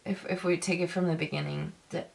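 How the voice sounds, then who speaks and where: A woman giving a casual video review, ranting emphatically in a halting, repetitive way. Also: lowish voice, fairly even intonation, vocal fry. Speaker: film reviewer.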